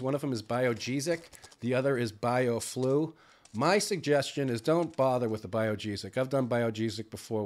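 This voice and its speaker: A middle-aged man, sounding congested from a cold, talking in a rambling, conversational vlog style with plenty of filler words. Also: medium pitch. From United States. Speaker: vlogger. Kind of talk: casual vlog chat.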